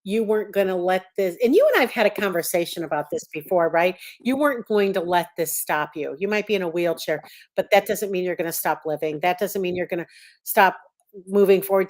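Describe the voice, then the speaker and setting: A woman hosts a podcast interview, chatty and encouraging as she draws out her guest. Her voice sits at an ordinary middle pitch for a woman. She is speaking over a video call. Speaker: podcast host. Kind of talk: conversational interview hosting.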